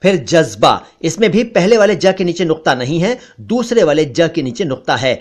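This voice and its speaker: A middle-aged man teaching word pronunciation slowly and deliberately, repeating each word for clarity. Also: fairly high pitch, sing-song. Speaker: language teacher. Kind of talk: pronunciation lesson voice-over.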